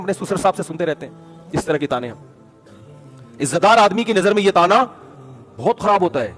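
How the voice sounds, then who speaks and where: A man giving a conversational sermon full of stories, lively, calling his listeners brother. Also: high voice. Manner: lively, addresses listeners as brother, acts out quotes. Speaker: religious speaker.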